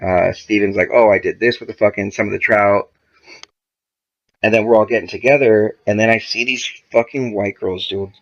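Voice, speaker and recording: A man's voice: lowish voice, steady tone, moderate pace. A man, a podcast guest, casually telling a story full of profanity and quoted back-and-forth dialogue. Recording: dull lo-fi podcast audio.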